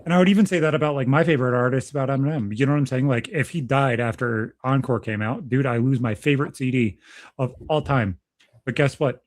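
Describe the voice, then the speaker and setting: A man's voice: medium pitch, fast. A man in his thirties co-hosting a casual podcast, talking bluntly and swearing freely as he rambles through his thoughts. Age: 30s. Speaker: podcast co-host.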